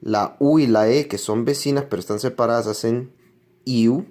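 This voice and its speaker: A man's voice: mid-range voice, moderate pace, darkish tone. A man teaching English pronunciation in a classroom-style lesson, explaining patiently and repeating each example word several times.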